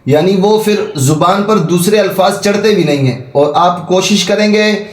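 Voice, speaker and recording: A man leads an online Quran lesson in a calm, reassuring way, slowing to a chant when he recites for his student to repeat. His voice sits a little high. The call audio sounds echoey. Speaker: Quran teacher.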